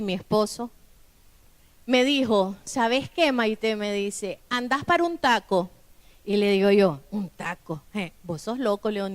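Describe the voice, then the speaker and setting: A woman's voice: high voice, clear, resonant tone. A middle-aged woman pastor, telling a testimony in a sermon and acting out the dialogue of the people in it. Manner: storytelling with acted-out dialogue.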